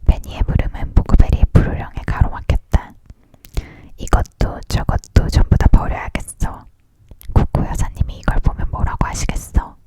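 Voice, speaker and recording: A person reading a story aloud in a close, leaning-in ASMR whisper, narrating and voicing dialogue entirely without full voice.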